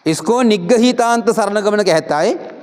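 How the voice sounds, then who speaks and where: Man, Buddhist monk, pronunciation lesson, high voice, slow, patient, repeats and corrects. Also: darkish tone. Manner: patient, repeats and corrects each word slowly. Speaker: Buddhist monk teaching Pali chanting.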